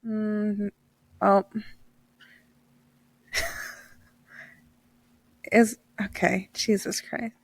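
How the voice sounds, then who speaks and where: A woman's voice: medium pitch, flat delivery, extremely slow, pauses often. A young woman co-hosting a casual podcast chat, talkative and emphatic, laughing easily. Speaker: podcast co-host.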